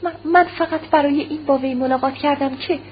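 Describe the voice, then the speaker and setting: A woman's voice: high-pitched, voice pushed up, lightly acted. A woman voicing a distraught young wife who stammers in a broken, pleading way. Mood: stammering. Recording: dull lo-fi recording with faint hum.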